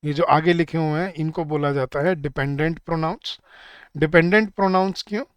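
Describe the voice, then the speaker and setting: A young man with an Indian accent teaching an online grammar lesson, chatty, calling viewers guys and slowing down for example sentences. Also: a little high, smooth, no echo, clean studio sound. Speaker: English teacher.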